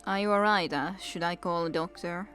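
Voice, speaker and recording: A woman's voice: on the low side, moderate pace, fairly bright tone. Casual woman let's player, music behind. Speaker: let's play host. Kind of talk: casual game commentary with read-aloud narration.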